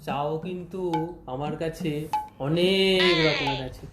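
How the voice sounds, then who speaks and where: An actor playing a pedantic servant who lists endless food options, in an echoey room with music behind. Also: male voice, a little high. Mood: deadpan. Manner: drawn-out, fussy listing, repetitive.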